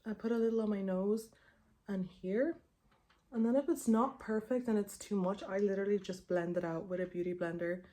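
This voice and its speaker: With a dark, mid-range voice, fairly even intonation and a somewhat quick pace, this twenty-something woman talks through her makeup tutorial. Her vlogging is loose and rambling, full of "like," and her tongue piercing taps softly on her teeth as she speaks.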